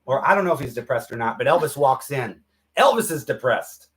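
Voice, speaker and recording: A relaxed man co-hosting a casual chat. He tells stories in a laid-back way and slips into quick impressions now and then. His pitch sits in the middle. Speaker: co-host.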